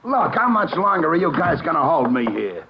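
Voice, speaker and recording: A man's voice: a little high, sing-song, moderate pace, noisy background. An American man playing a cocky, evasive hoodlum under police questioning, slangy and defensive, in a 1950s radio crime drama. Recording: muffled vintage radio recording.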